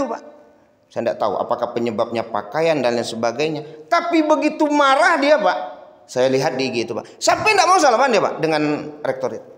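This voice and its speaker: A man with a Minangkabau accent giving a sermon. He keeps calling on his listeners as Pak and Bu and drives his points up to high, emphatic peaks. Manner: addresses the audience as Pak and Bu constantly, swings to high emphatic peaks. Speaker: preacher. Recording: echoey hall with long reverb.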